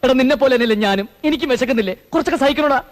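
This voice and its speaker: An actor playing an excitable, bantering comic man in a film comedy. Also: very high voice, rapid-fire. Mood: exasperated. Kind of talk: Malayalam film comedy acting. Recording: loud music behind the voice.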